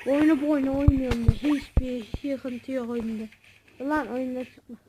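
A woman giving casual let's-play commentary at home, excitable, swearing and heckling her rivals. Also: high voice, normal speed, noisy background. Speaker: gaming channel host.

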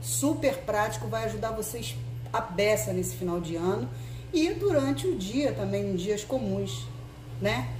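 A woman's voice: medium pitch, expressive, measured pace, echoey room, far from the mic, background noise. A woman with a Brazilian Portuguese accent hosting a casual cooking demonstration, chatting through each step for her viewers. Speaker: cooking video host. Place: home kitchen.

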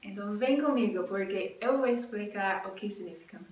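A woman English teacher giving a casual video lesson, explaining clearly and friendly with example phrases. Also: mid-range voice, moderate pace, distant mic, over music. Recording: roomy sound, slightly off mic.

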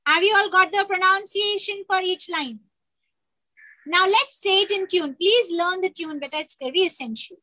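A woman's voice: very high-pitched, drawn-out words, bright, forceful tone, poor audio. A woman teaching children over a video call, chanting verses line by line in a half-sung call and repeat.

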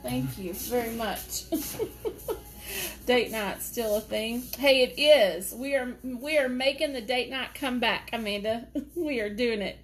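Chatty high-voiced woman. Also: measured pace. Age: middle-aged. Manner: chatty, laughs often, talks to pets. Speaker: hair tutorial vlogger. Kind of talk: casual live chat while styling hair. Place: home office.

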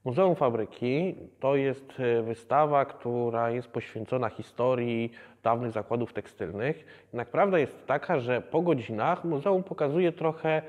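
A man in his thirties, a museum educator, explaining the exhibition in a measured way with many hesitations. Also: mid-range voice, long reverb tail, muffled recording. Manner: measured, with frequent hesitation fillers. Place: museum exhibition hall, indoors.

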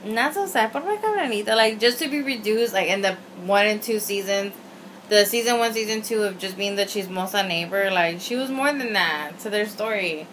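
A woman's voice: medium pitch, expressive, moderate pace, a bit bright, low-quality recording. A young adult woman giving a casual, opinionated video review, rambling tipsily with emphatic swearing and slang and slipping some Spanish in. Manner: tipsy, rambling drunk talk; mixes Spanish into English. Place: small indoor room at home. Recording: faint room noise.

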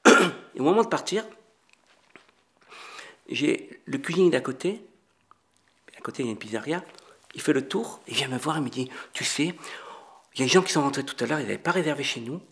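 A middle-aged man, a chef, telling an anecdote in an interview with lively acted-out dialogue and many restarts. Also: mid-range voice, normal speed, long pauses. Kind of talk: storytelling in an interview.

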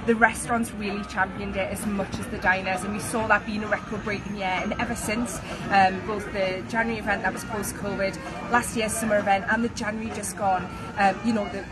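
A woman in her thirties, an events and marketing manager, giving an upbeat on-location interview in an outdoor restaurant courtyard. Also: mid-range voice. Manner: upbeat promotional, lists events with fillers. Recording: loud background music outdoors. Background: music.

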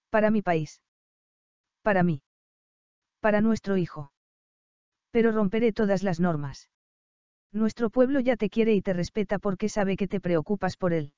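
Woman doing a young male prince, tender, anxious, hushed, low, warm smooth voice, dry dull recording. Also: no room sound, lightly acted.

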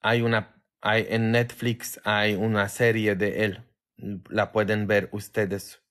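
A man from Poland with a Polish accent, a priest chatting casually with viewers on a livestream in a tired, low-key way. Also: flat delivery, takes it slowly, a bit bright.

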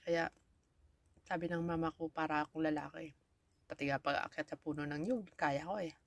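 A woman's voice: deep voice, fairly even intonation, brisk, no room sound. A Filipino woman telling viewers chatty stories about herself while talking around a lollipop in her mouth. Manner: chatty, laughing, self-deprecating. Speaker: vlogger. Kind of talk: casual storytelling to viewers.

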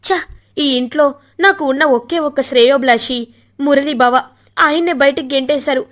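A woman voicing a bitter young woman brooding and plotting revenge, in a high voice. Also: normal speed, fairly bright tone. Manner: brooding, resentful.

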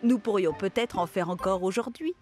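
A woman's voice: mid-range voice, moderate pace, darkish tone, faint music behind, close to an everyday voice. A woman voicing an old grandfather rabbit fond of memories in a storybook cartoon, with a fond reminiscing tone. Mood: nostalgic.

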